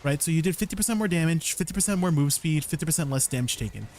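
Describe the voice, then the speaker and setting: A young man streamer talks casually with viewers in a rambling, meandering way. His voice runs through a deep pitch-shifting voice changer. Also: expressive, very fast, a little mellow, a little hiss or hum. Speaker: livestreamer.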